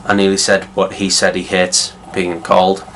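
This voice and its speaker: A man's voice: sits low, monotone, moderate pace, fairly bright tone, slight background noise. A young man giving a casual, rambling spoken movie review, full of fillers and restarts. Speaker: film reviewer.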